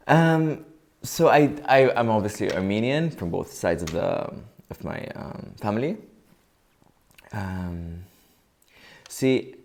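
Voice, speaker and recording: Brief: young male interview guest from Lebanon, low and gravelly, measured and reflective. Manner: thoughtful, measured, restarts often. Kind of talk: interview answers.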